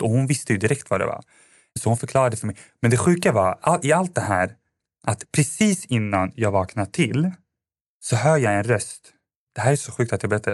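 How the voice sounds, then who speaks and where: A man's voice: fairly low pitch, dry recording, studio quality. A man, a podcast guest, telling a personal story in a casual, rambling way with lots of fillers and restarts.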